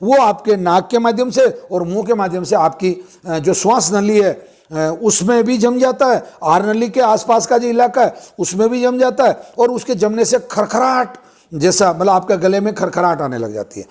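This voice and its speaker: A man giving an informal Ayurvedic health talk, explaining step by step with frequent pauses and fillers. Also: sits high, lively intonation, darkish tone. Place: ashram.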